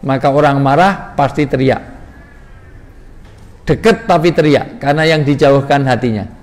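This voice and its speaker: A man's voice: medium pitch, moderate pace. A man preaching an interactive mosque sermon, joking and directing his audience. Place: large mosque hall. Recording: reverberant hall with faint ambience.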